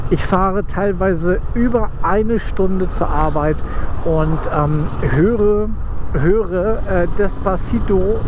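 A man's voice: high voice, darkish tone. A man chatting casually and playfully to viewers in a rambling, colloquial way from inside a motorcycle helmet. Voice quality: muffled, enclosed sound of talking inside a helmet. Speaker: motovlogger. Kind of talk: casual chat to viewers while riding a motorcycle. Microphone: mic inside helmet. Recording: helmet mic with engine and road noise. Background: motorcycle engine, wind and traffic noise.

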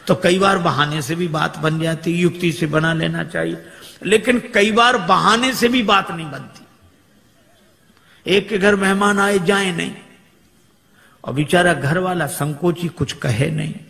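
A man's voice: on the high side, measured pace, gravelly, fairly bright tone. A man giving a storytelling sermon, acting out characters' voices with humour. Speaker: preacher. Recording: echoey hall with long reverb.

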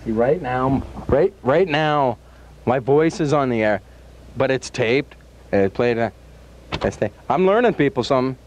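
A man's voice: medium pitch, animated, normal speed, darkish tone, dull audio. A man working as a radio DJ, chatting casually on air with a jokey, self-deprecating showman manner.

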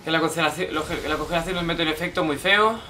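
A young man with a Spanish accent from Spain, commenting on his gameplay, excitable, shouting and swearing at the game. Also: a little high, fast talker, a little hiss or hum. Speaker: gameplay streamer.

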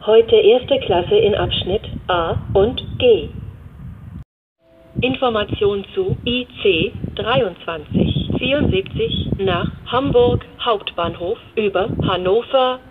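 A woman giving flat automated platform announcements as a railway station announcer, in formulaic, segmented phrases. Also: medium pitch, slow. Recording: dull recording with clear background noise.

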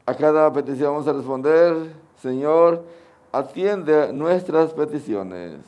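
Higher-voiced middle-aged Mexican priest. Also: male voice, lively intonation, takes it slowly, highs cut off. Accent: Mexican Spanish. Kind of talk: sermon and prayers at Mass. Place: outdoors under a canopy at an altar.

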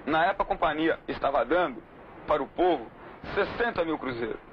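High-pitched man giving measured testimony. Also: expressive. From Trindade, Brazil. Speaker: community spokesman. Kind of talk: interview testimony. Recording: muffled 1979 film audio, faint hiss.

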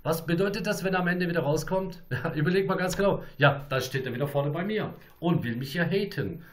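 A man livestreaming to his viewers, talking in a rambling, repetitive and excitable way. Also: fairly high pitch, brisk. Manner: repetitive, restarts and repeats phrases, excitable. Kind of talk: rambling live-stream monologue to viewers.

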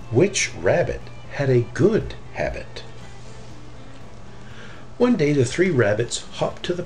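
A middle-aged man with a medium-pitched voice reads a children's story aloud, expressive and deliberate as a storybook reader.

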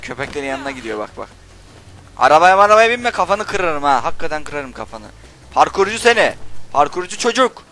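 A young man doing Let's Play commentary, swearing and shouting insults at game characters while he plays. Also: fairly high pitch. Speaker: gaming channel host.

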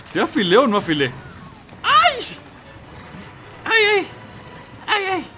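A young Mexican man with a Mexican Spanish accent commenting on his own gameplay, excitable and quick to yelp and curse. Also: extremely high pitch, music in the background. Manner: excitable, yelps and curses at the game. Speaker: gamer. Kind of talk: let's play commentary.

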